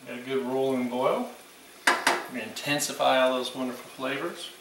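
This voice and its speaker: Speaking at a moderate pace with a steady, medium-pitched voice, a sixty-something man informally demonstrates home cooking in his kitchen for his channel. The mic is a camera a few meters away, so the audio sounds distant and echoey, with faint kitchen noise behind him.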